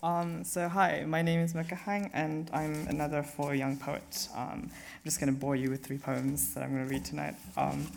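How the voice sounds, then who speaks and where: A young man reading his own poems aloud at a live event, modest and soft-spoken, with a measured delivery. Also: a little high, little pitch movement, creaky, a little hiss or hum. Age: young adult. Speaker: young poet.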